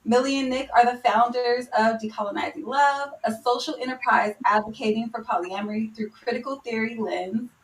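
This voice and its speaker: Woman hosting a podcast, kinda high voice, echoey room, sits back from the mic. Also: fairly even intonation, a little fast, hardly any pauses, recorded from a distance. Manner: reads a prepared intro with small stumbles. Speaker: podcast host.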